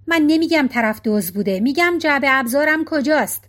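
A woman's voice: high-pitched, animated, a bit bright. A woman voicing an exasperated husband. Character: exasperated middle-aged husband, practical and impatient.

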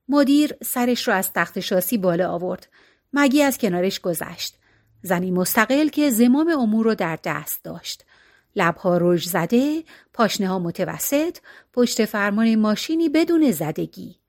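A woman narrating a story in a steady storytelling voice, shifting expressively from line to line. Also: medium pitch. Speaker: audiobook narrator.

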